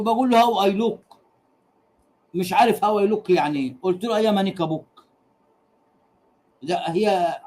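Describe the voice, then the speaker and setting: A rowdy Egyptian man with a fairly high voice hosts a casual livestream. He teases his audience, repeats the same punchline again and again, and breaks into laughter between crude jokes. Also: a little mellow. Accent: Egyptian Arabic. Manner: laughs often while talking. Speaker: livestream host.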